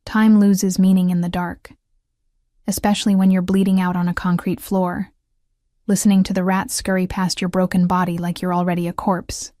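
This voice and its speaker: A woman storyteller reading a dark romance story in the first person with a measured, steady delivery. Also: fairly low pitch, dry recording, clean studio sound.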